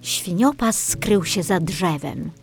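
Female storybook narrator, slow and expressive, faint music underneath. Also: mid-range voice. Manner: expressive, lilting.

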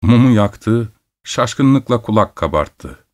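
A man narrates a classic novel in a low-pitched, steady voice. His reading is measured and literary, the plain delivery of an audiobook. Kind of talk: scripted narration.

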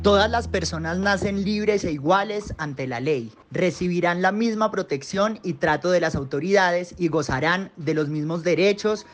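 A guest reading a legal text aloud in a measured, formal manner. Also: mid-range voice, soft background music. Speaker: guest reader.

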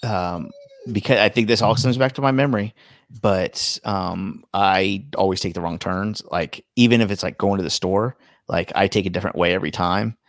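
Young male podcast host, very low gravelly voice, dry close sound, loose rambling chat. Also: moderate pace, dry recording. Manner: rambling, lots of fillers and restarts. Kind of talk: casual chat.

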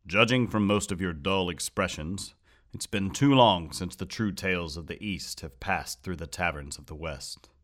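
A booming, grave sea captain recounting ancient lore in a very deep, low voice, solemn and declaiming, pressing his words with weight, as a male audiobook narrator puts him on. He sounds like a storybook loremaster addressing his crew. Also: normal speed, a bit bright.

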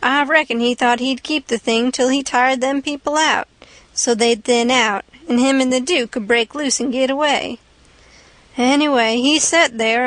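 A woman narrating a classic novel as an audiobook, in a folksy, unhurried storytelling manner. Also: on the high side, fairly bright tone, no room sound. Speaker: audiobook reader.

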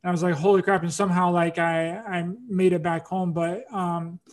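Male podcast host, fairly high and monotone, casual and rambling. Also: normal speed. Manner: rambling storytelling, many fillers and restarts. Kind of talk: casual interview chat.

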